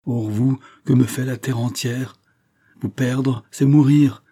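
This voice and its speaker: A man's voice: medium pitch, fairly even intonation, slow, warm tone, breathy edge, pitched above the performer's own voice. Gaston, a man reading a passionate young nobleman. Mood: despairing. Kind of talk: audiobook reading of a classic novel.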